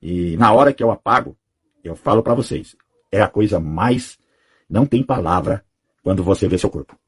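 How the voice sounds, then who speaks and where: A man's voice: on the low side, lively intonation, normal speed, slightly rough. A man in his thirties giving a personal testimony, telling it in a rambling way and tagging his sentences with "you know?" asides. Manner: rambling, tags sentences with "sabe?" and "né?". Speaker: testimony giver.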